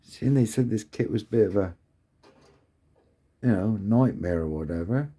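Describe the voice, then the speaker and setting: A man narrates his model build in a casual, muttering way, half talking to himself as he works. His voice sits a little low and sounds warm and mellow rather than bright. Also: animated, normal speed. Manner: mumbling, thinking aloud to himself. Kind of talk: casual workbench commentary.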